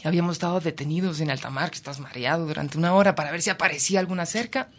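A woman television reporter in an interview, telling stories with animated emotion and frequent laughter. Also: sits low, very fast. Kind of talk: interview conversation.

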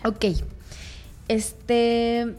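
A woman's voice: a little high, monotone, extremely slow, a little mellow, soft background music. A woman hosting a radio talk show, reading out listener comments and steering the talk. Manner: reads listener comments aloud. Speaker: radio host.

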